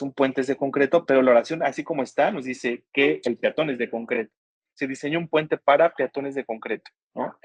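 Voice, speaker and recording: Guy teaching a writing class, kinda high voice, patient, asks students stuff, dry sound. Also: no echo. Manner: patient, explains step by step, asks students questions. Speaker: workshop instructor. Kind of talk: online writing workshop lesson.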